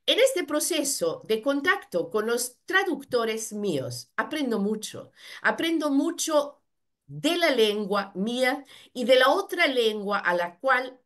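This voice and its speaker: A woman interpreting at a seminar, fluently rendering the speaker's words in the first person. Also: on the high side.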